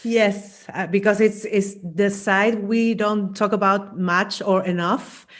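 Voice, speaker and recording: A woman's voice: medium pitch, steady tone, takes it slowly. A woman from Chile, a guest on an interview podcast, chatty and often repeating and correcting herself. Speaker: guest, psychologist and coach.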